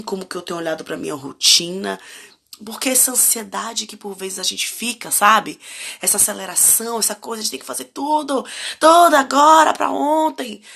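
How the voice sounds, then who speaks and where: Brazilian woman in her 30s, parenting host, casual and reflective, slightly gravelly mid-pitched voice. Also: a bit bright. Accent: Brazilian Portuguese. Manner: reflective, asks the audience many direct questions. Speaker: parenting educator hosting a live stream. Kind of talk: casual live-stream talk to viewers.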